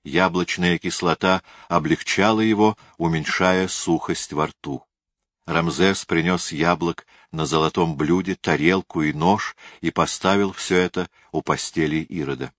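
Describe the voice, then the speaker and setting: Deep-voiced male story reader. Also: steady tone, a little slow, fairly bright tone, dry recording, studio quality. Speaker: narrator. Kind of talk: reading a historical novel aloud.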